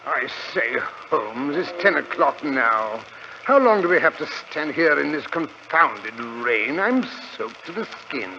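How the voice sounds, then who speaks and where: A grumbling, bumbling middle-aged English gentleman doctor in an old radio drama. His voice crackles with gravel and bounces around in pitch, fussy and indignant. The vintage recording has clear noise over it. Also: sing-song, takes it slowly, lo-fi sound, exaggerated voice. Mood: grumbling, puzzled. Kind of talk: 1940s radio drama acting.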